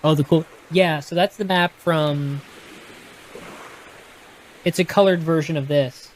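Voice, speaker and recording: A man with a Texan accent reads a gamebook aloud and casually talks a live audience through its rules, often restarting and correcting himself. His fairly high voice has fairly even intonation and a slightly slow pace, with slight background noise.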